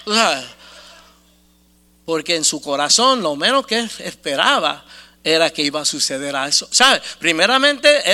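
Animated man telling his story. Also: high voice. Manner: animated, repeats himself, laughs often. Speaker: speaker giving a faith testimony. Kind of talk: conversational storytelling testimony.

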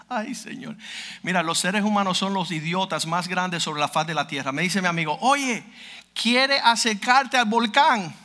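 A man preaching a fiery sermon who speaks bluntly, cracks mocking asides and bursts into shouts. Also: high voice, fairly even intonation, normal speed. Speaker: pastor.

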